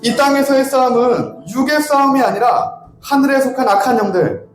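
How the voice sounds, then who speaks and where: A man preacher giving a sermon that builds into impassioned, shouted prayer. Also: very high-pitched, echoey room. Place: church sanctuary.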